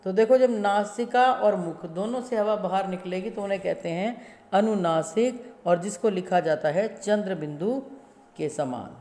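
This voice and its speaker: Woman schoolteacher, steady classroom lesson delivery, very slow pace, echoey room. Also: mid-range voice. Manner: slow, deliberate, spells out sounds syllable by syllable. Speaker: school Hindi teacher. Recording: echoey room with long reverb.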